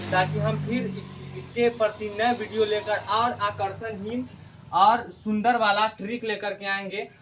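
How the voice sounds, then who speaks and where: A man's voice: high-pitched, fairly bright tone. A man teaches a grammar lesson, repeating key words and explaining with everyday memory tricks.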